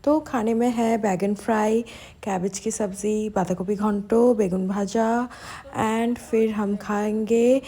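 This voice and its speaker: A woman's voice: medium pitch, warm tone. A woman from India narrating a vlog in a casual, chatty way, switching between Hindi and English. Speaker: vlogger.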